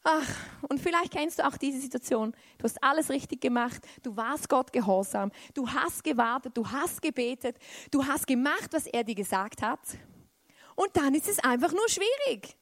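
A woman preaching a sermon in an animated way, swinging between loud exclamations and soft, hushed emphasis. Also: high voice, moderate pace, dry recording.

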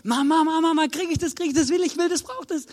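A man's voice: quick pace, a little mellow. A man with an Austrian accent voicing a whiny small child who begs over and over at a checkout. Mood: whining. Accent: Austrian German. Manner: shrill, repetitive pleading.

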